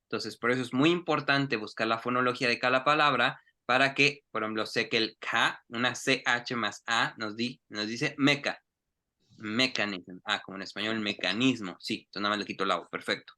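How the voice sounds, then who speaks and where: A man leads an English pronunciation class. His voice is very bright and forward, and he talks in an animated, coaxing way, slowing down to model each phrase. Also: medium pitch. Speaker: English teacher. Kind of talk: online class, explaining in Spanish.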